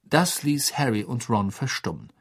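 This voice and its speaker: A man narrating an audiobook in an expressive storytelling manner. His voice is husky and moves widely in pitch. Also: normal speed. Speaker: audiobook reader. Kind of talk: scripted narration.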